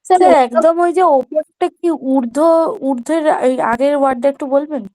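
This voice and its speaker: High-voiced woman student asking politely. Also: a little fast, warm tone. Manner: polite, hesitant questions. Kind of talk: asking questions in class.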